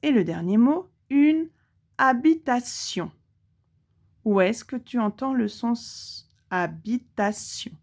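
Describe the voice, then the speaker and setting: A woman teaching a lesson for young children with a French accent, speaking clearly and pausing to let the child answer. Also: on the high side, animated. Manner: slow, clearly articulated, pauses for the child to answer. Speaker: primary school teacher.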